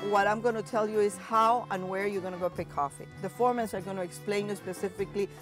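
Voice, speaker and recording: A woman's voice: mid-range voice, fairly even intonation, fast. A woman speaking as a farm host, explaining things in slightly non-native English phrasing. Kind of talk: explanatory interview and welcome talk. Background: guitar music.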